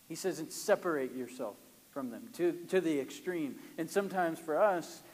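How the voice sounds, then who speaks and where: A pastor giving an animated sermon, reading scripture dramatically with frequent chuckles. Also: male voice, fairly high pitch. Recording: long reverb, large hall.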